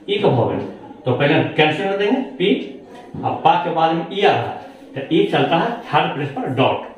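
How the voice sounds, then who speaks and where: A male teacher takes his class through the lesson one step at a time, asking questions and answering them himself. His voice sits fairly high and moves up and down a lot. It is recorded from a distance in a strongly echoing room. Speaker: shorthand teacher. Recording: very echoey room, voice far from mic.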